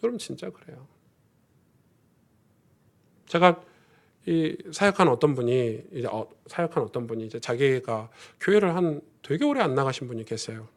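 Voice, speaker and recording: A man's voice: expressive, normal speed, long pauses. A middle-aged man preaching a Sunday sermon as pastor, telling stories and rising into fervent prayer. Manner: storytelling, swells to fervent high-pitched prayer. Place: church sanctuary.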